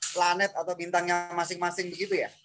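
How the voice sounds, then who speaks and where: A man asking a question in a casual discussion, heard over an online call that keeps cutting out, speaking in a hesitant, halting way. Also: high-pitched, little pitch movement, a bit bright, soft background music. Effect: choppy, breaking-up online call connection. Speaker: remote participant asking a question.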